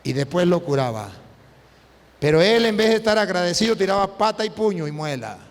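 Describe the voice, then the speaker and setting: Animated preaching priest, high voice, reverb. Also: male voice, fairly quick. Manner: animated storytelling with sudden swings in pitch and loudness. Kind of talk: preaching sermon. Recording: long hall reverb.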